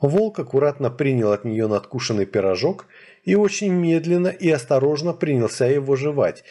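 A man narrates a first-person story in a husky voice of middle pitch. His delivery is even and measured. He keeps the audiobook reading steady from line to line.

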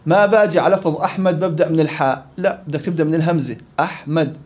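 A man's voice: on the high side, fairly even intonation, racing, dull audio. A man teaching Quran recitation rules in a classroom lecture, explaining rules and quizzing his students.

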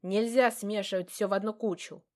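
A woman voicing an anxious, quick-tempered young male mage in an audiobook, with urgent, pleading outbursts. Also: medium pitch, steady tone, a little mellow, close to an everyday voice. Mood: heated. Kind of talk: audiobook character reading.

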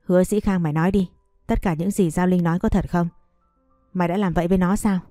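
A woman's voice: lowish voice, steady tone, quick pace, mellow, no echo, studio quality, soft background music, close to an everyday voice. A woman reading the lines of a furious old father in an audio story, scolding harshly.

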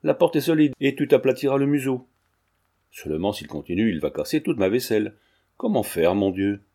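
A man's voice: medium pitch, very animated, fairly quick, mellow. A man reading as an old frightened servant woman. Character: elderly female servant, frightened and blunt. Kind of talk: audiobook character reading.

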